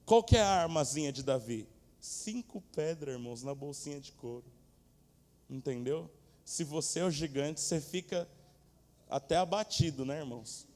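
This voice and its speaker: Pastor em culto: animado, próximo da congregação, ambiente de igreja com eco longo. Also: male voice, a little high, moderate pace. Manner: animated, colloquial, addresses congregation directly. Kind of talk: sermon. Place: church stage. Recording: echoey church hall.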